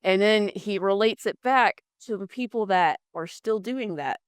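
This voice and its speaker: A woman's voice: mid-range voice, a little slow, clean tone, no room sound, clean studio sound. A young woman casually chatting as a podcast co-host, laughing often as she tells personal stories. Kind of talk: casual chat.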